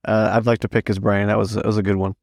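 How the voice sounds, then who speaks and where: A man's voice: lowish voice, flat delivery, quick pace, vocal fry, a little mellow, dry recording, studio quality. A man hosting a podcast in casual conversation, joking and acting out imagined exchanges.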